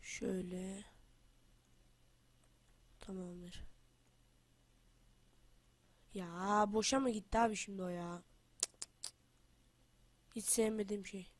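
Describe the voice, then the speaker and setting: A woman with the flu giving casual gameplay commentary as a channel host. She trash-talks loudly, then drops to quiet muttering to herself. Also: medium pitch, fairly even intonation, measured pace, pauses often. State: has the flu.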